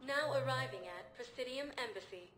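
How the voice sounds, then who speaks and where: A woman voicing a calm female transit computer that gives automated announcements slowly and politely. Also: high-pitched, a little hiss or hum. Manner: slow, even, polite. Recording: echoey game sound with music behind.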